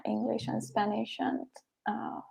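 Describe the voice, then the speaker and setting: A woman's voice: a little high, monotone, unhurried, gravelly, darkish tone, husky. A woman from Hungary, a poet and guest, chatting casually in an interview over a video call and laughing often.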